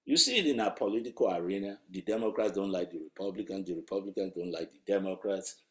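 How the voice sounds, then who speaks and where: A man's voice: deep voice, lively intonation, quick pace. A man preaching a sermon in a conversational, emphatic way, asking rhetorical questions. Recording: roomy echo.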